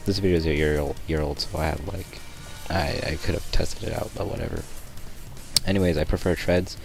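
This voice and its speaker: A sick young man with a raspy, very low voice gives a casual gameplay tutorial voice-over, rambling with many ums and restarts. He talks fairly quickly in a steady tone, and loud music plays behind him.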